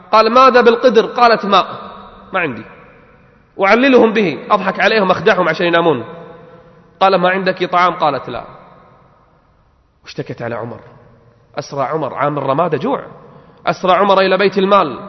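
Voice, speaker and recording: A man preaching a storytelling sermon, dramatic, swinging between loud exclaiming and hushed asides. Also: high-pitched. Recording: dull sound with long hall reverb.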